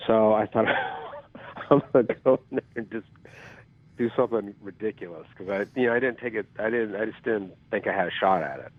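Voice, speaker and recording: An actor guest with a raspy, low voice tells stories in a casual interview over a phone line. He speaks briskly, rambling, self-deprecating, and filling gaps with ums, and the call audio sounds dry.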